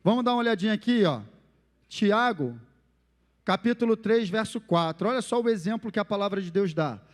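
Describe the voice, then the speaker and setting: A man with a Brazilian Portuguese accent preaching a sermon as pastor, animated and acting out the phrases he quotes. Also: high-pitched, a little fast, big-room sound.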